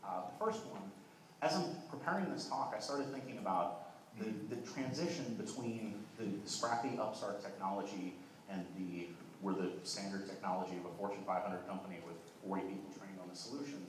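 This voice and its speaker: A young man giving a conference keynote, talking quickly and fluently with frequent "uh" restarts, in a large hall. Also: low voice. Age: young adult. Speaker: keynote speaker. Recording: echoey hall, voice from far off, faint noise.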